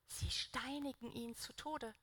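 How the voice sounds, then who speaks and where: Bright-voiced woman preaching a sermon. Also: high voice, steady tone, measured pace, no echo. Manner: earnest, conversational, with direct questions to the congregation.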